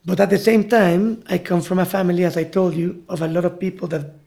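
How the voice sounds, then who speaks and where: A man's voice: sits high, steady tone, brisk, vocal fry, dark tone. A man from Mexico City with a Mexican Spanish accent, a native Spanish speaker and guide, talking reflectively and searching for words in an interview.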